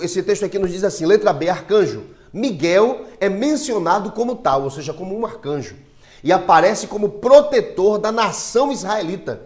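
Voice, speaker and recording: A man with a Brazilian Portuguese accent, a pastor teaching a Bible lesson, who reads verses aloud with emphasis and keeps checking in with his listeners. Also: on the high side.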